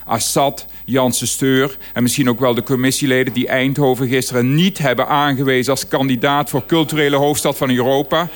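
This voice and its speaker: Dry, ironic man reading a column. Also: a little high. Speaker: radio columnist.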